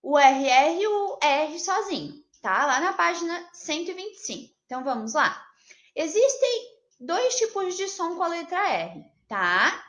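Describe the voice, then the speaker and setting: A Brazilian woman teaching a Portuguese lesson to children, upbeat and patient, checking in with the class after each point and drawing out example words slowly. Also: extremely high pitch, very animated, fairly bright tone. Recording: roomy, slightly dull home video audio.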